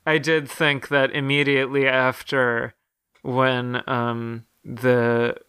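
A man's voice: mid-range voice, level tone, slow, sharp tone, clean tone, no echo, clean studio sound. A man co-hosting a podcast, chatting casually about a horror film with many fillers and restarts. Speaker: podcast co-host.

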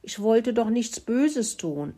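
A woman's voice: on the high side, big pitch swings, slow, dark tone, pitched above the performer's own voice, exaggerated voice. A woman voicing a grumpy young male pony who sulks and complains in a storybook reading. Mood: sulky. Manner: snorting, sulky complaining.

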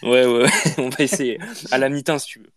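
A man co-hosting a casual chat, speaking in a calm, even way. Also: mid-range voice, a little fast. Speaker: co-host.

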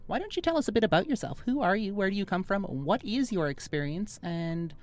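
A woman's voice: medium pitch, expressive, a little fast, faint music behind. A woman hosting a podcast, introducing the episode in a friendly, chatty way and asking her guest questions. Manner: friendly, chatty, reads plugs and warnings. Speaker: podcast host. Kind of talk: casual podcast intro and interview.

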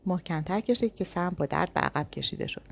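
Woman calmly reading a first-person novel. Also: fairly low pitch, gravelly, husky. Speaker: audiobook narrator.

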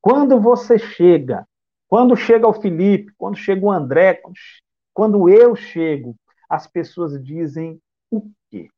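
In a muffled recording, a Brazilian man from São Paulo state gives a reflective spiritist lecture, posing rhetorical questions. His voice is high and animated, and he speaks at a measured pace with a Brazilian Portuguese accent.

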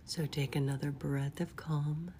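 Woman's soft, very slow spa whisper. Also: low voice, fairly even intonation, a little hiss or hum. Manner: unhurried, gentle instructing. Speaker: guided relaxation leader. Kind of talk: whispered guided body-scan meditation.

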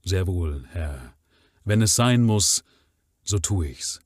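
A man's voice: low-pitched, animated, takes it slowly, dry recording, studio quality, exaggerated voice. A man reading aloud, voicing a nervous male butler who stammers and pleads deferentially with his master. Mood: defiant.

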